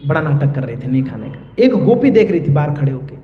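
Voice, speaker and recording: A man's voice: fairly high pitch, sing-song, fast talker. A man telling a devotional story as a sermon, acting out the dialogue in changing voices and slipping English words into his casual telling. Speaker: Bhagavatam storyteller. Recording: echoey hall, slightly dull sound.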